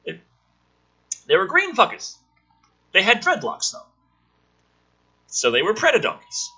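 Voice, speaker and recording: Dull audio carries a man's high-sitting, slightly rough voice, sharp in tone and swinging hugely in pitch at a measured pace. His throat is troubled since he's a bit ill. He hosts a read-aloud of a film script, mocking it with ranting jokes and sweary, sarcastic, exasperated remarks.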